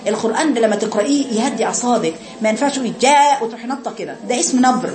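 An Egyptian woman with an Egyptian Arabic accent teaches a tajweed lesson in Quran recitation, patiently correcting her students and chanting the sounds herself as a model. Her voice is a little high and racing, in a reverberant space with crowd noise.

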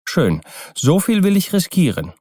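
A man putting on an excitable young man. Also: high-pitched, a little slow, dry recording, studio quality, voice pushed up, heavily acted. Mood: wary. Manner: raised, urgent, excitable delivery. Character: young man, wary then alarmed by a magic bottle. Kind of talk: audiobook character voice.

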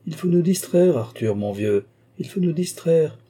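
Man playing a boisterous old gentleman, hearty, higher than the narration, dark husky tone, audiobook. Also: expressive, moderate pace. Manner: boisterous, exclamatory. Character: blustering hearty old gentleman card player.

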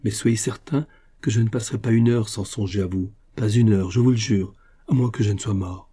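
A man reading the part of a devoted young nobleman, speaking earnestly and with feeling, in a dark, husky voice. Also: lowish voice, fairly quick.

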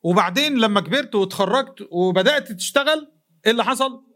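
A man's voice: high-pitched, fast. A male preacher with an Egyptian accent, giving a mosque lesson in colloquial style, firing questions at his listeners and acting out imagined speakers. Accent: Egyptian Arabic. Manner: colloquial, questions the audience directly; animated, voices imagined speakers.

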